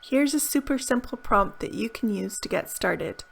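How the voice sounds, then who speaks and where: A female English teacher presents a scripted video lesson to camera at a normal speed, expressive, bright and upbeat, clearly pronouncing each word. Her voice is a little high with gravelly fry at the ends of phrases, recorded close-miked in a small indoor room.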